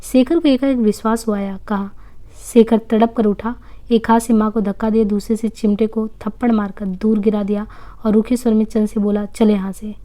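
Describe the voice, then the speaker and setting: A woman reading a novel aloud at a steady pace, sometimes slipping and restarting a phrase. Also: a little high, normal speed. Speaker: reader.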